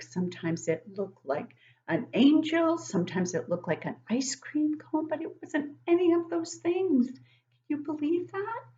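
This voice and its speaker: A middle-aged woman with a fairly high but dark-toned voice reads a picture book aloud to young children, drawing them in with questions and exclamations. She's indoors in her living room, recorded by a webcam at desk distance, and the sound is muffled.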